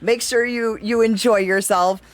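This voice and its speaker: A woman's voice: a little high, fairly even intonation, a little slow, soft background music. A woman hosting a casual livestream in character as a fae, chatting in an affectionate, theatrical, giggly way. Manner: affectionate, addresses listeners as darlings. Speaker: livestream host.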